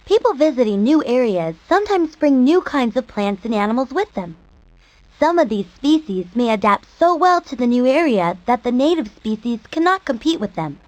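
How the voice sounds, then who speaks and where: A woman's voice: sits high, no room sound, lo-fi sound. A woman giving scripted narration for an educational nature program.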